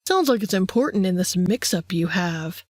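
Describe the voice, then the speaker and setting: A woman voicing a gruff, mocking vampire man in an audiobook. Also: lowish voice, animated, moderate pace, a little mellow, no echo, studio quality. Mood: taunting. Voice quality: growling, taunting.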